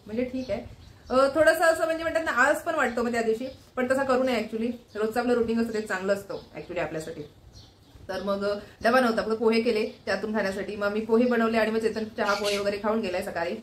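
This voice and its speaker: A woman's voice: a little high, fast. A woman from Maharashtra chatting casually in a home vlog, keeps pointing things out to viewers. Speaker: vlogger.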